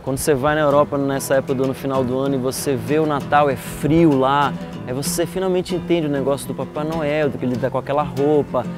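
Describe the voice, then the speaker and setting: A man from Salvador, a singer and composer, speaking in a relaxed, reflective way in a documentary voice-over. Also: medium pitch, fast, few pauses. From Salvador, Brazil. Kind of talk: documentary voice-over and on-location talk. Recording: music bed underneath.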